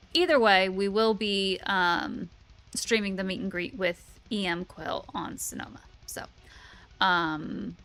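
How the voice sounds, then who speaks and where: A tired woman game streamer chatting casually and rambling with fillers as she wraps up her live stream. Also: medium pitch. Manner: relaxed, rambling, many fillers.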